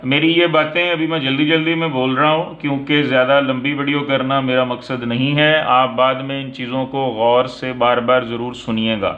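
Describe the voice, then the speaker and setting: A man, explaining English pronunciation slowly and deliberately, drawing out each example word. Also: medium pitch, flat delivery. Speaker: English teacher. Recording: dull lo-fi recording.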